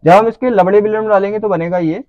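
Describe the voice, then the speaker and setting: A man's voice: sits high, fast talker, darkish tone, dry recording, rough recording. A man teaching a lecture who keeps asking the class whether they follow. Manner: checks understanding with repeated questions.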